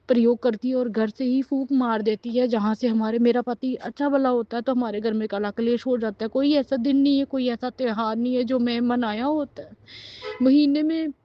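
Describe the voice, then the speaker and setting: Middle-aged woman, higher voice, pleading halting testimony, dry dull lo-fi sound. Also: no echo. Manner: pleading, halting, with frequent restarts. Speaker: devotee sharing a testimony. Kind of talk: emotional spoken testimony and prayer.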